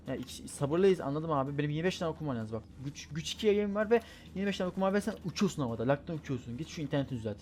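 A man giving playful gameplay commentary, rambling quickly, correcting himself mid-word and trash-talking the other players. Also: on the high side, a little mellow, a little hiss or hum. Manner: joking, trash-talking at opponents; rapid, rambling chatter with self-corrections. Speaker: gaming YouTuber.

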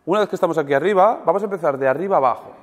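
A man coaching a weightlifting seminar group, animated and demonstrative, checking in with his listeners after almost every point. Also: a little high, very fast. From Spain. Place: large gym hall. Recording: long gym reverb.

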